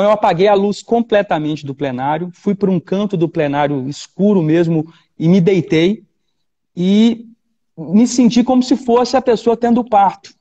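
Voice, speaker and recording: A Brazilian man tells a courtroom story in a high voice with a mellow tone, stumbling into repeated words and fresh starts. The sound is dull and lo-fi. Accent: Brazilian Portuguese. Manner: animated storyteller, frequent repetitions and restarts. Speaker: defense lawyer, guest. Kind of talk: storytelling interview.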